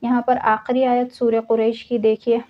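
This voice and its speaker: A woman's voice: fairly high pitch, little pitch movement, moderate pace, dull audio. A woman teaching Quran recitation rules in a class, explaining patiently and drawing out the recited words. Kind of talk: online tajweed class explanation.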